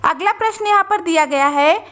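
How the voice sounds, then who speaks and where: A woman teaching young children a worksheet, reading each sentence slowly and patiently. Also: very high voice, a bit bright, slight background noise. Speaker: teacher and channel host.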